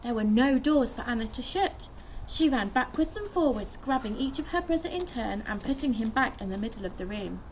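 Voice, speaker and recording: A young woman speaking fairly quickly, her pitch fairly high, reads a children's story with lots of expression and acts out the dialogue like a primary school teacher. She's in a garden by a wooden fence, recorded by a nearby camera in noisy outdoor audio with clicks.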